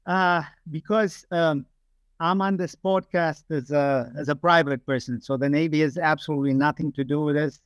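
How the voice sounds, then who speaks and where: A man's voice: fairly high pitch, fairly even intonation, normal speed, smooth, dry recording. An older man from Romania, speaking emphatically as a guest on a video call from home, with many fillers. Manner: emphatic, digressive, frequent fillers. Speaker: guest, aerospace engineer. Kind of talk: casual interview over video call. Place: home room, indoors. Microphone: webcam video call.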